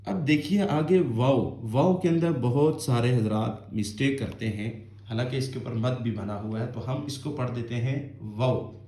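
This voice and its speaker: A man's voice: mid-range voice, warm tone. Patient male Quran teacher, echoey room. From Azad Kashmir, Pakistan. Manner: patient, repetitive explaining, stretching out each letter sound in melodic recitation. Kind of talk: Quran reading lesson for children.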